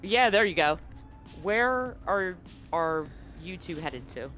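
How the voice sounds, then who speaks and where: With music running underneath, this game master describes scenes and asks the players what their characters do in a casual, conversational way. The mid-range voice is expressive, bright and pushed, and the pace is slow.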